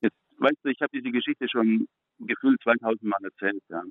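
A middle-aged man giving an earnest personal faith testimony as a guest, speaking haltingly and repeating words when moved. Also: medium pitch, no room sound. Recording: phone-like, narrow and dry.

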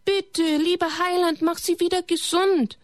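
This is a small, earnest boy, as a woman reading aloud puts him on. His voice sits high above a grown woman's register and pleads with childlike sincerity. The storybook recording is close and dry. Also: animated, unhurried, no echo. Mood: pleading. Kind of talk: storybook character voice.

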